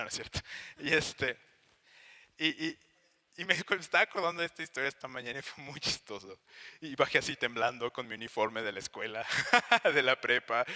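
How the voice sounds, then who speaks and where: Young Mexican male preacher, animated storyteller, very bright tone, fairly high pitch. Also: long reverb tail. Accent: Mexican Spanish. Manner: animated storytelling, acts out voices and sounds. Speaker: pastor. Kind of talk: sermon with personal story.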